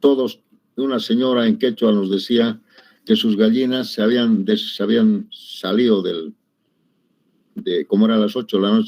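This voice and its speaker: A middle-aged man, teaching an engineering class and telling personal anecdotes in a conversational way, often adding little tag questions and correcting himself mid-word. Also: lowish voice. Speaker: engineering lecturer. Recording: dull lo-fi recording.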